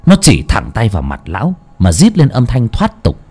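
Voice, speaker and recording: A man narrating a horror story in an expressive, dramatic storytelling style, then chatting jokily to listeners. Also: mid-range voice, moderate pace, slightly rough. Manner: expressive, lively delivery; jokey, chatty afterword. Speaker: audiobook narrator.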